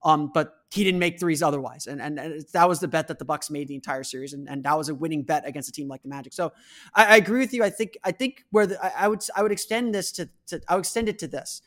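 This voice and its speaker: Stammering podcast host with a higher voice. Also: male voice, a bit bright. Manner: repeats words, quick restarts. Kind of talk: casual podcast chat.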